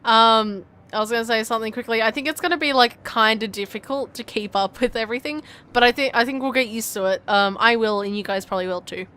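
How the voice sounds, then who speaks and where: A woman's voice: a little high, quick pace, hardly any pauses, pushed and bright, clean tone. A young woman casually commenting on a game she is playing, giggly and full of fillers. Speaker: gamer. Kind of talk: let's play commentary.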